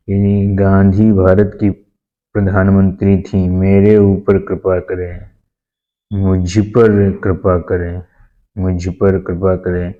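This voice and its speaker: Slow, deep-voiced man teaching. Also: dull audio. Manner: slow, repeats answers aloud. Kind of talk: exam practice lesson.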